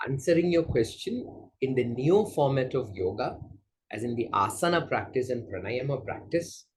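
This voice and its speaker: A man from Malaysia, a yoga teacher, answering interview questions in a gentle, unhurried way with soft fillers. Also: medium pitch, animated, slight background noise, poor audio. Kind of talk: casual interview conversation.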